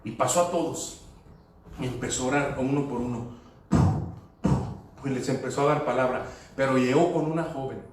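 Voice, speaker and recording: A man's voice: medium pitch, moderate pace, long pauses, a little hiss or hum. A man preaching a sermon, telling stories and slipping into English phrases. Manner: storytelling, switching into English phrases. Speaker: pastor. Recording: echoey hall, voice from far off.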